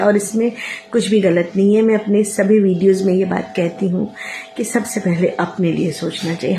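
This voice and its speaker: एक महिला वीडियो में कैमरे से सीधे बात कर रही है, भावुक और परेशान है, और बार-बार अटककर, 'अ' कहकर और शब्द दोहराते हुए बोलती है।. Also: female voice, mid-range voice, warm tone. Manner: hesitant, many fillers and restarts. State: upset and emotional. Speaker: vlogger. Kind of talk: emotional talk to camera. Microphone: phone or camera facing her.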